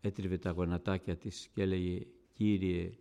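Gravelly fervent male preacher. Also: medium pitch. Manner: fervent, rising to loud passionate calls. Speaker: radio broadcaster. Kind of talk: sermon.

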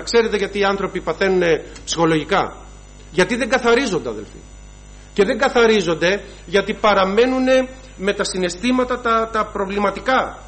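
A man's voice: high voice, fairly bright tone, low-quality recording. A man preaching a sermon to his congregation, emphatic and rhythmic, listing sins one after another and calling the listeners brothers.

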